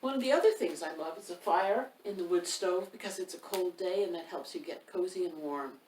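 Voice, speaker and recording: In a room beside a wood stove, a woman who writes books and hosts storytime reads a picture book to children and quizzes them with questions. Her voice is on the low side, a little mellow, and fairly quick. A distant mic gives a roomy sound with faint noise.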